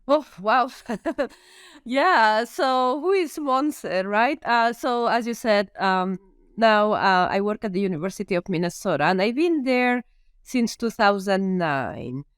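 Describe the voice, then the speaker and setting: On a podcast, a Spanish woman in her fifties who is a veterinary professor answers interview questions in a Spanish accent, thinking things through with frequent ums. Her mid-range voice is animated and slow, with a clean, echo-free, studio-quality sound.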